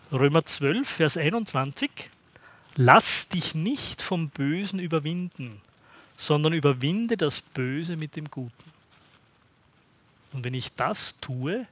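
A man preaching a sermon to his congregation in a conversational way, often pausing to ask "Ja?". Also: fairly high pitch, expressive, fairly bright tone. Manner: conversational, checks in with the congregation by asking "Ja?".

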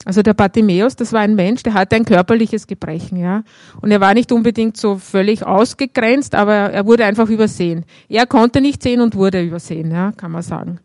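A woman gives a sermon in an easy, conversational way. She keeps checking in with her listeners with a soft "ja" and works through the passage one step at a time. Her voice is recorded close and dry, with no room sound. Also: medium pitch, fairly quick, no room sound. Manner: conversational, frequent "ja" tags. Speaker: preacher. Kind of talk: sermon with Bible reading.

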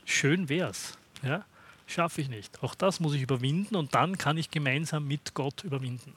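A man preaching a sermon to his congregation in a conversational way, often pausing to ask "Ja?". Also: fairly high pitch, a bit bright, slightly rough. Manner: conversational, checks in with the congregation by asking "Ja?".

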